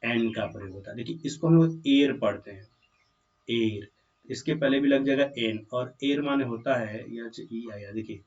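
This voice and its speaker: A Hindi-speaking man explains grammar to a class in a mid-range, fairly quick and slightly mellow voice with few pauses. He keeps questioning the students and addresses them as "बालक". The classroom recording is dull and distant.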